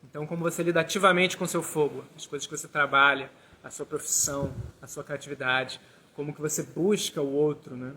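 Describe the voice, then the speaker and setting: A man leads a tarot class, walking listeners through an exercise and checking they follow along. His voice sits a little high and sounds bright and forceful. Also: steady tone, brisk, a little hiss or hum. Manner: talks through steps, tags lines with "né?". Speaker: tarot teacher. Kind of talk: explanatory class with a hands-on exercise.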